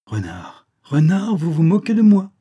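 A man voicing a small, mocking female titmouse in a storybook reading, with a high, shrill and teasing voice. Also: lively intonation, moderate pace, warm tone, slightly rough, highs cut off.

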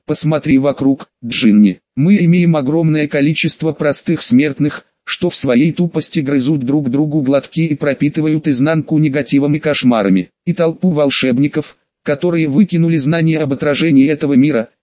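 A man's voice: fairly high pitch, normal speed, hardly any pauses, no room sound, lightly acted. A man voicing a stern female sovereign mage. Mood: lecturing. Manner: cold, scornful, barking orders. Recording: dull lo-fi dry recording.

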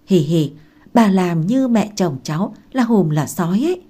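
A woman reading aloud and voicing a meek young pregnant daughter-in-law who asks softly and pleads. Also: fairly low pitch, lively intonation, moderate pace, husky. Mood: pleading. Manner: soft, pleading, curious.

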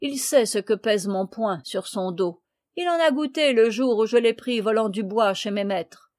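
Gruff loyal peasant man, blunt and mocking, storybook reading, voiced by a woman. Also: a little high, moderate pace, a little mellow, dry recording, clean studio sound, natural voice.

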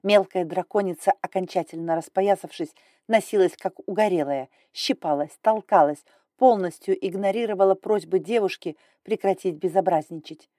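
A woman narrating a fantasy audiobook in an even, measured storytelling voice. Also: lowish voice, no room sound, studio quality. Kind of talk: scripted narration.

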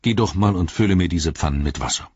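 A sturdy hobbit servant, as a male audiobook reader plays him, deep and husky, speaking bluntly and grumbling. The dry, dull recording sits close and lo-fi. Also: fast talker, darkish tone, no echo. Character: stout-hearted gruff male hobbit servant. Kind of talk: audiobook character voice.

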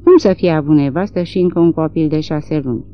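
A woman's voice: sits low, soft background music, lightly acted. A woman reading the part of a blunt, scoffing rural man in an audiobook, from a dull lo-fi recording. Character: gossiping rural old man, Ratcliffe, blunt.

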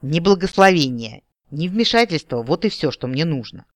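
A man's voice: fairly high pitch, very animated, normal speed, dry recording. A man voicing a fiery young noblewoman who stammers through a confession to her brother in an audiobook. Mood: indignant. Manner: flustered, hesitant, indignant. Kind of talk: audiobook character voice.

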